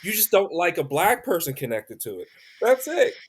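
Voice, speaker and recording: A man with a somewhat high voice rants earnestly on a podcast, stumbling and restarting as he builds his point. It sounds like loose, unscripted chat between co-hosts. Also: very animated, normal speed, breathy edge. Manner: earnest and ranting, with restarts and fillers. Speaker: podcast co-host. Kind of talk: casual political chat.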